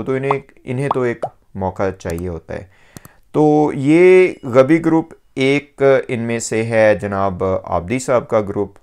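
A man giving a measured religious commentary, pausing often on fillers. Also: lowish voice, a little mellow. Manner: measured, with frequent hesitation fillers.

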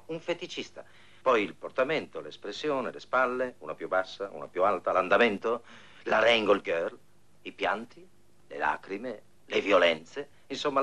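A man's voice: lowish voice, a bit bright. A man in a 1960s film lecturing analytically, breaking down a diagnosis in detail.

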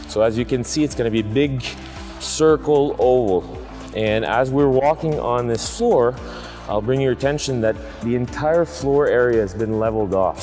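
A man in his thirties giving a walking tour of a construction site, halting with many fillers. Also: fairly low pitch, a little mellow. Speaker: museum facilities director giving a site tour. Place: large indoor construction site.

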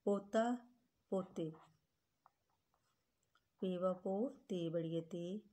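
Female teacher, slow, patient delivery, mellow tone, spells words out for young children. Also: fairly low pitch, fairly even intonation, slight background noise. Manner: addresses pupils as children. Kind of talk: grade-school Urdu grammar lesson.

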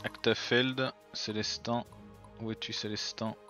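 A man hosting a let's-play video, chatting casually as he plays and thinking out loud with plenty of fillers. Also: lowish voice, level tone, measured pace, soft background music. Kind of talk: casual gameplay commentary.

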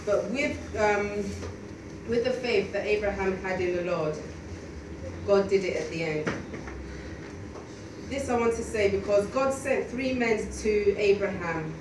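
A young woman delivers a sermon in a plain, conversational way, stumbling through fillers and restarts. She speaks into a stand mic at a lectern in a small church hall. The sound is echoey and noisy, heard from far off. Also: medium pitch. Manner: conversational, halting with many fillers. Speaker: preacher. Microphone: stand mic at a lectern, filmed by a far camera.

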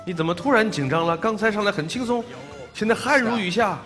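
A man's voice: sits high, quick pace, in a large hall, music in the background. A middle-aged man hosting a dating show on a studio stage, speaking off the cuff into a headset mic.

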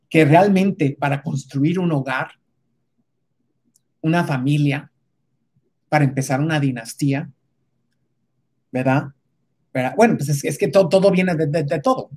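This woman's voice sits on the low side, darkish and slightly rough. She rants casually and emphatically about her views, frequently breaking off to restart, hesitating, and throwing in rhetorical questions.

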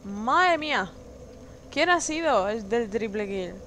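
An excitable woman, commenting on a game as she plays it. Her voice sits high and swings widely in pitch, jumping to cries of alarm and delight. A steady background noise runs under her home stream recording. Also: takes it slowly. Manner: excitable, exclaiming and chatting with viewers. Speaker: gaming streamer. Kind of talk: let's play commentary.

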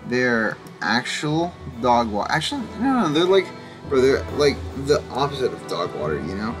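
A young man giving casual, rambling gameplay commentary, full of fillers and sudden excited outbursts. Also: mid-range voice, moderate pace. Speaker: gaming channel host. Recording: faint music behind.

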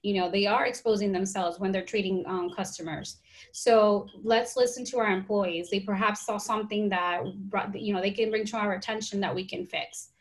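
A woman's voice: medium pitch, steady tone, moderate pace, poor audio. A woman, an HR consultant, giving practical business tips on a webinar in a conversational way. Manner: practical, conversational, many "you know"s. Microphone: video call.

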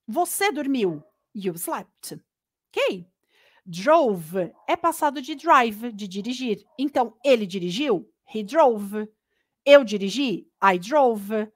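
A woman with a Brazilian accent giving a live online English lesson, chatty and lively, mixing English words into her Portuguese. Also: a little high, no echo, clean studio sound. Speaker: English teacher. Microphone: computer mic on a live stream.

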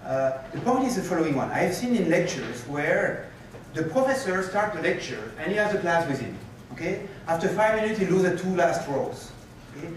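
A man giving a conference keynote and answering questions, animated and moving about the stage, recorded from a far camera in a lecture hall. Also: fairly high pitch, fairly quick, hardly any pauses, slight background noise. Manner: animated, gestures while pacing the stage. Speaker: keynote speaker. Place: lecture hall with projector screens. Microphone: far room camera.

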